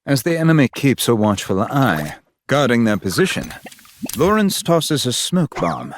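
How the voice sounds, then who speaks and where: A man's voice: mid-range voice, wildly swooping pitch, moderate pace. A man reading scripted explainer narration as a narrator. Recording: game noise and clicks behind.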